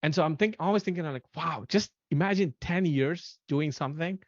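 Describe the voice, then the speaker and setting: A man in his thirties hosting a casual podcast chat, excitable and animated, speaking in quick bursts. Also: a little high, no room sound. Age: 30s. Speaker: podcast host. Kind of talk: casual chat on a video call. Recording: dull, lo-fi, dry audio.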